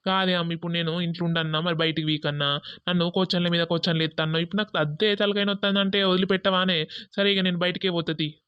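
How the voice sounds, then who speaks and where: A man's voice: high voice, steady tone, fast, a bit bright, smooth, no room sound, muffled recording. A man doing a sulking curt young husband. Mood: irritated. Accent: Telangana Telugu. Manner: irritated, brusque.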